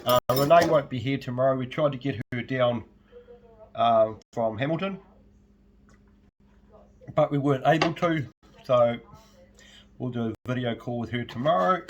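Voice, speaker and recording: A man's voice: mid-range voice, moderate pace, long pauses, muffled recording, a little hiss or hum. A man, rambling chattily through a casual home vlog from his kitchen and swearing now and then. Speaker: vlogger. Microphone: handheld camera.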